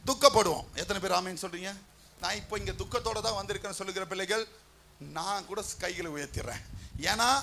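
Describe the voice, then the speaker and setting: High-voiced male pastor, gravelly, calling out and shouting, faint hall noise. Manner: calls out to the congregation, rising to shouts. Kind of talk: sermon. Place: church hall.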